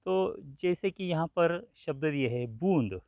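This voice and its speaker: A male teacher explains a grammar lesson slowly and patiently, repeating every example and breaking it into letters. His voice comes through a thin, phone-like band. The room adds no echo and sounds dry. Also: a little high, lively intonation.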